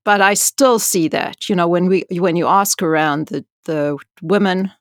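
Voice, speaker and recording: A woman who is both a dean and a scientist tells her story frankly in an interview, speaking loudly at a measured pace and rising for emphasis, with plenty of "you know." Her voice is lowish, and the recording is clean studio sound with no room ambience.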